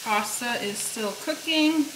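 A woman's voice: fairly high pitch, slow. A young woman casually narrating a cook-along in her home kitchen, chatty and thinking aloud as she goes. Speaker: cooking vlogger. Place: home kitchen with sizzling pan. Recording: echoey kitchen, faint noise.

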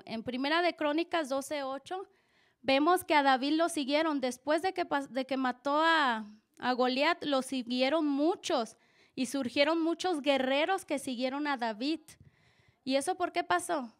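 A woman speaking earnestly at a church service, giving a conversational sermon-style testimony with frequent restarts. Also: sits high.

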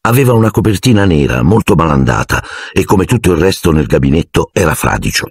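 A man narrating an audiobook in an expressive storytelling manner. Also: sits low, fairly quick, gravelly, slightly rough, no room sound, studio quality.

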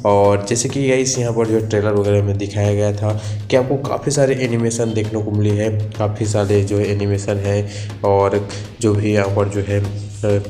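A man's voice: fairly low pitch, mellow. A young man hosting a gaming channel, talking through a game update in a voice-over full of fillers and repeated "guys". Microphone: voice-over over screen recording. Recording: echoey room with faint background music.

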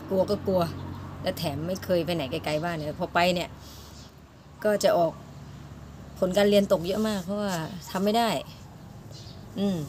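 A young woman tells her own story in a frank, self-mocking way and laughs often. Her voice sits on the low side. Clear background noise runs under the whole recording. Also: normal speed, pauses often, darkish tone. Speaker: guest telling her story. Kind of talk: personal storytelling.

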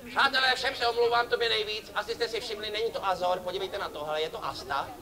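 High-voiced clown teasing a crowd. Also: male voice. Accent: Czech. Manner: playful, teasing banter with kids and audience. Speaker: street clown performer. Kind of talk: outdoor clown show for children. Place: outdoor festival stage before a crowd. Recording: lively crowd behind.

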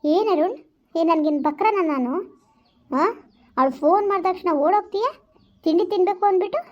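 A hurt, jealous young woman, played by an actress, scolding in quick, high bursts. Her tone is reproachful and stubborn. The sound is dull and lo-fi, as in a homemade village skit. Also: a little mellow, close to an everyday voice. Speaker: amateur skit actor. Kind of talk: village vlog skit acting.

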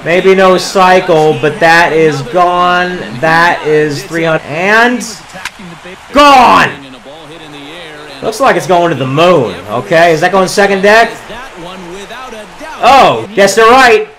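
Male gamer, high-pitched, slow-paced, excitable sportscaster-style gameplay commentary. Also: rough recording. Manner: excitable, calling home runs like a sportscaster. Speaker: gaming video creator.

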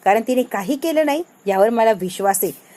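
A woman's voice: fairly high pitch, lively intonation, fairly quick, dark tone, lightly acted. Assertive, loyal young woman, firm delivery, read by a woman.

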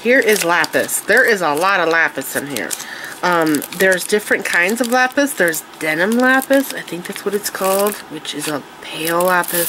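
Filmed from overhead as her hands work at an indoor table, a woman with an allergy-stuffed, nasal voice enthusiastically presents her craft supplies in a casual show-and-tell. She talks chattily with fillers and restarts, her voice lowish and a bit bright. The audio is poor, with a slight hiss or hum.

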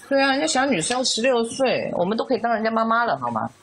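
A woman's voice: fairly high pitch, very animated, quick pace, a little hiss or hum, low-quality recording. A middle-aged woman, a spiritual practitioner talking casually in an online voice chat room, coaxing and persuasive in an easygoing way.

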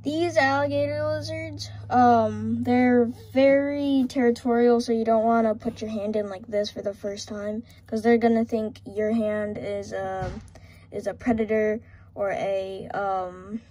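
A woman's voice: on the high side, fairly even intonation, measured pace, warm tone. A young woman chatting casually about her pet reptiles in a pet care vlog, rambling with many fillers and restarts, filmed on a phone or camera near the tank. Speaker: reptile keeper vlogger.

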